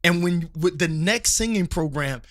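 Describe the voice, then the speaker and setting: With a high-pitched, expressive, slightly bright voice at a moderate pace, this Philadelphia co-host rants passionately about church culture during a casual podcast chat at a studio table. He rambles and restarts often. The studio sound is clean, with no room sound.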